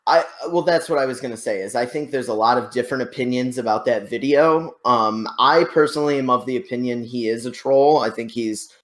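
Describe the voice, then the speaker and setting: A man's voice: mid-range voice, a little fast, few pauses. A man hosting a casual online debate, explaining things in a hesitant, hedging way over a computer microphone on a voice call. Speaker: show host.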